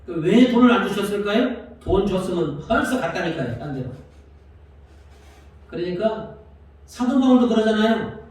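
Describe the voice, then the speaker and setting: A man's voice: high voice, lively intonation, normal speed, long pauses, a little mellow, very echoey, distant mic, poor audio. A male pastor preaching a sermon in a church, putting questions to the congregation and acting out prayers as he goes. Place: church sanctuary.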